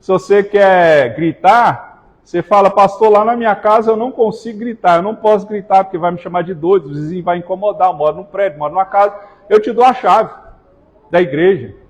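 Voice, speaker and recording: A man preaching a sermon in a church, with slow emphatic stresses and joking asides to the congregation. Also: sits high. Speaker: pastor. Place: church hall. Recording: reverberant church hall.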